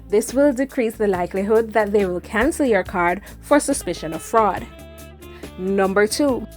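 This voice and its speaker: A woman's voice: mid-range voice, darkish tone. A woman narrating a scripted advice vlog in an upbeat, tidy, step-by-step manner. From Jamaica. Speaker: travel vlogger and host. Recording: voice-over with music behind.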